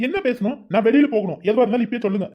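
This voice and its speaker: Someone voicing a defiant young cartoon son who argues back at his parents. The talk comes fast over a muffled, lo-fi recording. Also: mid-range voice, over music, lightly acted. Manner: defiant, argumentative. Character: defiant young man in love.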